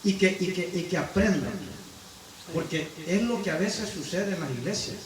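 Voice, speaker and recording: A man preaching a sermon, talking straight to his listeners with rhetorical questions and swinging from loud exclamations to low murmurs. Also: animated, moderate pace, reverberant, recorded from a distance, a little hiss or hum, low-quality recording.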